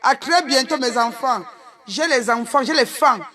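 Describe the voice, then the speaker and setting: Woman live streaming on her phone, high bright voice, loud and jokey, shouts a lot. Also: measured pace. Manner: loud, joking, often shouting and laughing.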